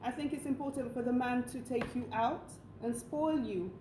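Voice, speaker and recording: Woman, casual co-host chat, higher voice, filler-heavy talk, faint room noise. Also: moderate pace, reverberant. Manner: chatty, many fillers.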